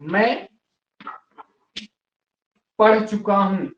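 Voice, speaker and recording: Male teacher, high voice, spells words out slowly, patient, roomy dull lo-fi classroom sound. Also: a little hiss or hum. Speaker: English teacher. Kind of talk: classroom lesson.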